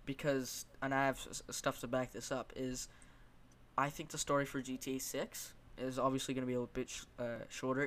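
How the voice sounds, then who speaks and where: A male podcast host talks in loose, rambling stretches full of ums and restarts, then turns to quiz his guest. His voice sits at an ordinary middle pitch. A faint hiss runs under the recording. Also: fairly bright tone. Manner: rambling, filler-heavy, asks questions. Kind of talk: casual podcast chat.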